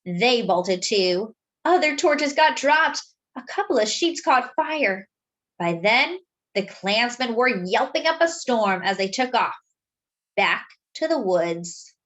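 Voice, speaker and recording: Reading to young listeners like a storyteller, a woman gives a children's story an expressive, dramatic and measured telling. Her voice is on the high side.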